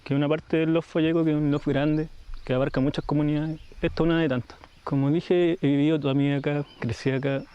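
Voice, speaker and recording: A man's voice: fairly high pitch, little pitch movement, fast, warm tone, smooth, lo-fi sound. A man from southern Chile, a local resident explaining plainly in a documentary interview.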